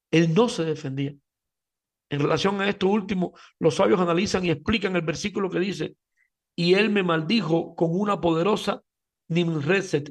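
A man's voice: sits high, gravelly, slightly rough. A man giving a Talmud class lecture as a religious teacher, emphatic, speaking straight to his listeners and often stumbling over repeated words.

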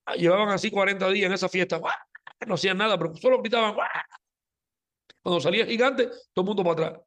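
High-voiced man teaching scripture. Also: very fast, a bit bright. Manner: storytelling, addresses listeners directly. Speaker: Torah teacher. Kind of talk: sermon-style Bible lesson.

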